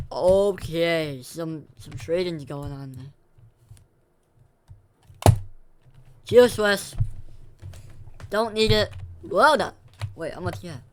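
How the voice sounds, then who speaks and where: A young man with a high-sitting voice streams a game, rambling casually to his chat between reactions and correcting himself as he goes. There's slight background noise.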